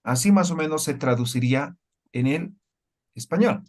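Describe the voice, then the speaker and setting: A man's voice: on the high side, animated, moderate pace. A man teaching a language class. He explains step by step and keeps checking with the students through short questions. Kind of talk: classroom lecture.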